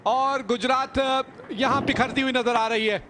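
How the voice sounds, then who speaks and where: A man's voice: very high voice, fairly even intonation, unhurried, pushed and bright, slight background noise. A man with an Indian accent giving conversational, reflective live cricket commentary as a broadcaster.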